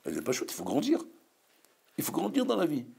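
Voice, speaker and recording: A man, a rabbi, preaching a sermon in a lively, scolding way full of rhetorical questions. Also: on the high side, fairly quick, gravelly, breathy edge.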